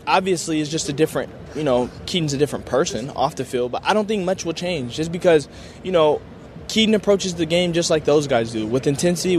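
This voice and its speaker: A man's voice: fairly high pitch, slight background noise. A young man, a college football player, answering media day questions in an enthusiastic, grateful, casual way with lots of filler words. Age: young adult.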